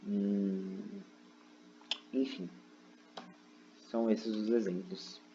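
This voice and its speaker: A man's voice: lowish voice, steady tone, very slow, lo-fi sound, background noise. A man explaining a lesson from his computer, constantly checking in with "né?" and "ok?". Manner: explaining step by step, frequent "né?" and "ok?" checks. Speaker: teacher. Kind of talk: recorded online lesson. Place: seated at a computer indoors.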